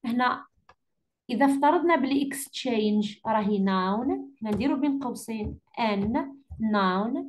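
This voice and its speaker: A woman with an Algerian Arabic accent correcting an English exam for her students, patiently repeating key words slowly. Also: fairly high pitch, slight background noise. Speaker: English teacher.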